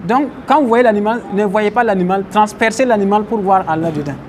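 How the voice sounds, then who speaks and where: In a mosque with faint traffic audible outside, a man with a voice that sits high teaches a religious class briskly. The Islamic teacher explains Arabic terms and poses questions to listeners, with a little hiss or hum present.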